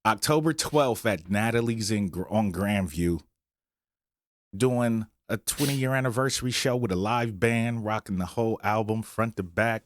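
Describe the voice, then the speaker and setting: A man's voice: on the low side, normal speed, dry recording, studio quality. A man in his forties co-hosting a casual podcast, easygoing and full of fillers. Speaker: podcast co-host, rapper. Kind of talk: casual chat.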